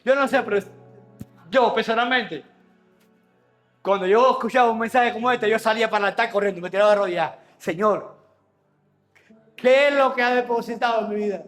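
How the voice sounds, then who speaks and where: A male pastor delivering an impassioned sermon in a church, building to shouted peaks. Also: high-pitched, fairly quick, pauses often, faint music behind.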